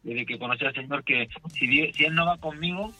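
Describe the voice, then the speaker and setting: A man's voice: on the high side, brisk, sharp tone, dry recording, soft background music, rough recording. An older man from Chile, a pastor, answering questions in a radio interview, rambling and correcting himself with devout phrasing.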